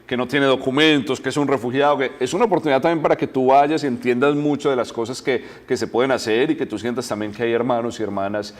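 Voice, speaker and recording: Earnest man explaining slowly. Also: medium pitch, steady tone. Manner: earnest, explanatory, with frequent "eh" and repeated words. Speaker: diocesan delegate, guest. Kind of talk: conversational TV interview.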